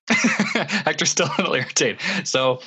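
A young man co-hosting a podcast, telling animated stories, acting out other people's voices and laughing often. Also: on the high side, unhurried, husky. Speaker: podcast co-host. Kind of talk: casual storytelling chat.

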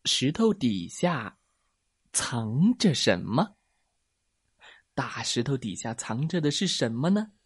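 A man narrating a children's bedtime story in a gentle, sing-song way. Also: mid-range voice, no room sound, studio quality.

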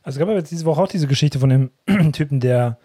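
A man in a casual podcast chat, rapidly sharing news stories. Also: fairly high pitch, dark tone, a little hiss or hum. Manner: rapid, shares news items.

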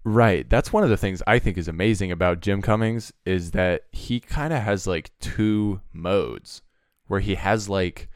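A man's voice: low voice, unhurried, clear, resonant tone, dry recording, clean studio sound. A man co-hosting a podcast, chatting casually and enthusiastically about a cartoon's voice cast, rambling with fillers. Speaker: podcast co-host. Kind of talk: casual chat.

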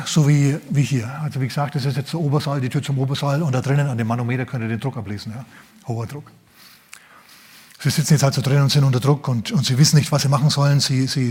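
A man's voice: mid-range voice, darkish tone, slightly rough. A man with a German accent preaching a sermon, telling the story vividly and addressing the congregation directly.

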